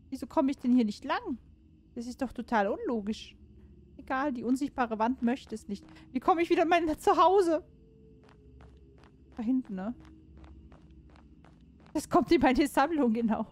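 A woman's voice: high-pitched, expressive, unhurried, pauses often. A woman giving casual let's-play commentary on a horror game, chatting to herself and viewers, cursing and exclaiming when something startles her. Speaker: gaming streamer.

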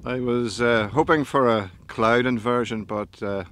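A man's voice: medium pitch, measured pace, fairly bright tone. A man in his fifties chatting to a handheld camera on a windy mountain summit, laughing often and joking at his own expense. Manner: chatty, laughs often, self-deprecating jokes. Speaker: outdoor vlogger. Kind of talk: casual vlog to camera. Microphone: phone camera held at arm's length.

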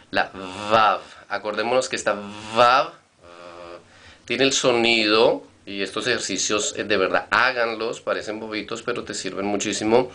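A man's voice: lowish voice, pushed and bright. A man teaching Hebrew vocabulary in a recorded lesson, patiently repeating and spelling out words.

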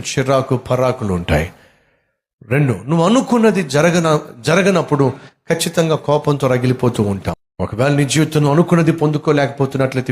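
Pastor preaching with rhetorical questions. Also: male voice, mid-range voice. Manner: repetitive rhetorical questions, emphatic lists. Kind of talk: sermon.

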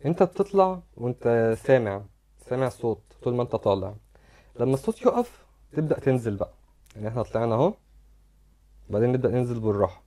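Step by step over his slides, a man with an Egyptian Arabic accent delivers a medical lecture, repeating words during his demonstrations. His voice is medium-pitched with a dark tone.

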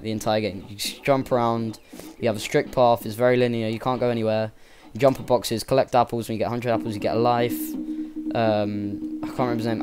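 A man's voice: on the low side, noisy background. A young man giving casual, rambling gameplay commentary, enthusiastic and swearing freely. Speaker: let's play gamer.

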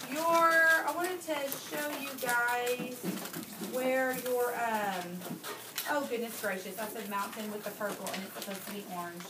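Teacher, woman, patient step-by-step explainer; somewhat high voice, recorded far from the mic in an echoey, noisy room. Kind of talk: spelling lesson explanation.

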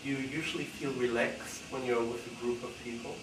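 Man calmly reading a questionnaire. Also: medium pitch, a little fast, recorded from a distance. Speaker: study participant interviewer. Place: VR cave room. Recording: echoey room, heard from afar, noisy.

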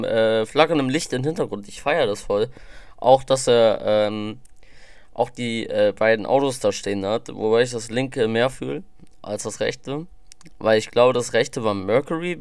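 A man's voice: mid-range voice, normal speed, dry recording. A man giving casual, enthusiastic, rambling reaction commentary on music into a desk microphone. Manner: enthusiastic, slangy, rambling with fillers.

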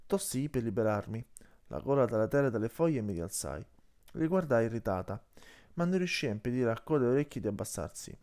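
Expressive male audiobook reader. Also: mid-range voice, fast. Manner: expressive, voices the characters. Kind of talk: audiobook narration.

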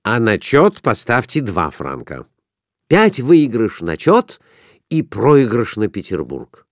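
A man voicing a calm middle-aged captain who gives quiet, persuasive advice. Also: fairly low pitch, takes it slowly, no echo, clean studio sound, full character voice. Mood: coaxing.

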